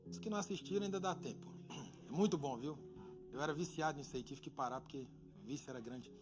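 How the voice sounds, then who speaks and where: A man preaches a sermon in a church, his voice pitched high for a man. He drops to hushed, conversational asides, then rises into loud exhortation. Faint music plays underneath. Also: fast. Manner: preaching with swings from hushed to loud, acting out people. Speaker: pastor.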